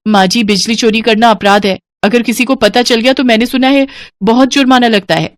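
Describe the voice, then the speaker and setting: A put-upon young daughter-in-law, voiced by a woman in a cartoon story, grumbling and pleading with her stingy mother-in-law. Her voice is raised and bright, recorded dry and close. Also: on the high side, fairly even intonation, a little fast, dry recording, lightly acted. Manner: complaining, pleading.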